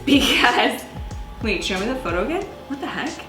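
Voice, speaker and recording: Young woman vlogging, super excitable, voice jumps all over, echoey room with music under it. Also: fairly high pitch, normal speed. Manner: excitable, squeals and swears often. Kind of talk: casual cooking vlog. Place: home kitchen.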